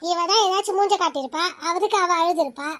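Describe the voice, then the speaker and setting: Cartoon mom, woman voicing, squeaky-high and combative, always scolding. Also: fast, fairly bright tone, dry recording. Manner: shrill, scolding, picks fights. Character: quarrelsome mother, defensive of her daughter. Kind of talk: cartoon voice acting.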